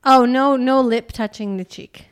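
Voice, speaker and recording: Woman chiming in with quick remarks. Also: fairly high pitch, clear, resonant tone. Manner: chimes in with short remarks, laughs. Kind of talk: casual chat.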